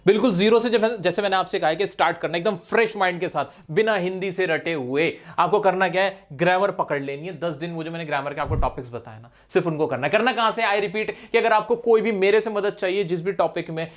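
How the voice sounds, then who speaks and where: A young man with an Indian accent teaching spoken English in a casual, direct way, talking straight to his viewers. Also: high-pitched. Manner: chatty, direct, addresses viewers as brother. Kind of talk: casual classroom-style lesson.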